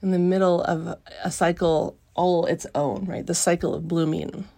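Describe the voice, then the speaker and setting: A woman hosting a reflective solo podcast, musing with frequent pauses mid-phrase, recorded live in a small rock cave. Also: fairly low pitch, level tone, gravelly, dark tone. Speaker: podcast host.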